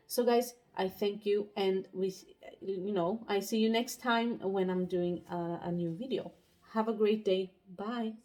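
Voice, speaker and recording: Breathless young woman, pregnant, halting tarot reader, casual monologue. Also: mid-range voice, mellow. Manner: halting, many fillers and restarts.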